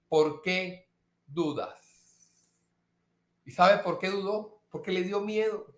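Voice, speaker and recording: A man preaching a sermon slowly and emphatically, repeating key phrases. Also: high-pitched, fairly bright tone, roomy sound.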